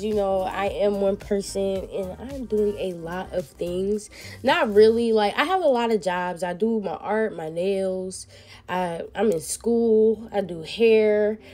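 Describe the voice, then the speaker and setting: A young Texan woman, a nail technician, chats casually with viewers during a nail tutorial, calling them "y'all." Her mid-range voice is mellow but sounds congested, as if her nose is stuffed up.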